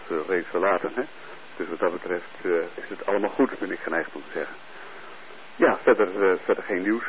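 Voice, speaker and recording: A man chatting on air as an amateur radio operator, heard over a two-way radio link, relaxed and hesitant with many filler pauses. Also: deep voice. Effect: heard over a two-way radio transmission. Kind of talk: casual on-air radio chat with call signs. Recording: tinny radio-band sound with faint hiss.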